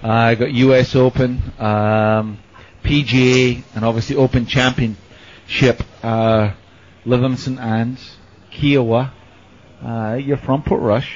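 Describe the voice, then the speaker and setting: A man's voice: mid-range voice, flat delivery, measured pace, a little mellow. A man hosting a radio show, chatty and joking, who hesitates often with fillers. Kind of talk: casual radio chat. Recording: dull radio broadcast audio.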